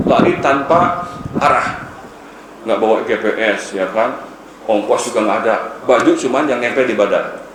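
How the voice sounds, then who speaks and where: A male preacher gives a loose, joking sermon in a mosque, acting out the voices in his story and turning to the congregation again and again. His voice sits at an ordinary middle pitch. The hall around him is roomy and echoing, with a faint hiss under it. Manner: joking storyteller who often addresses his listeners directly; acts out the dialogue of the people in his story. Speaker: Islamic preacher. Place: mosque, after dawn prayer.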